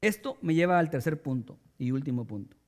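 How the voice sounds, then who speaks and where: Man preaching, high-pitched voice, emphatic delivery, talks straight to the congregation. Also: sing-song, brisk. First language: Spanish. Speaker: pastor. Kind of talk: sermon.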